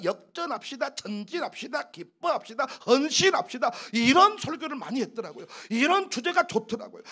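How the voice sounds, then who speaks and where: A man preaching an animated sermon as a pastor, emphatic and often breaking into laughter as he acts out exchanges. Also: very high voice.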